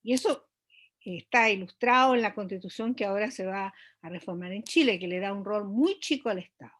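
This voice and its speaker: A woman's voice: medium pitch, a bit bright. A woman economist speaking as an interview guest, explaining at length with frequent hesitations and restarts. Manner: measured, many hesitations and restarts.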